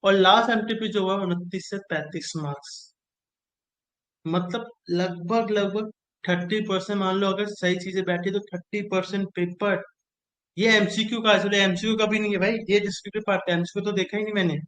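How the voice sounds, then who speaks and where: A man's voice: high-pitched, steady tone, a little fast, a bit bright, rough recording. A man teaching an exam-strategy lesson, repeating key phrases again and again in a coaxing way. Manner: repetitive, drilling phrases over and over, coaxing.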